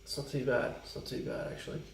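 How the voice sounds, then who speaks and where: Man, home brewer, casual how-to talk, rambling, far from the mic, echoey room. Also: fast. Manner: rambling, lots of ums and restarts. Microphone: camera from a distance. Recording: roomy and distant camera mic.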